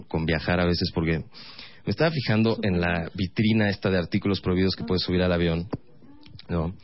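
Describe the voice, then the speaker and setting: A man with a Mexican Spanish accent doing stand-up comedy, telling stories in fast, rambling bursts with laughing asides. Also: sits low, muffled recording.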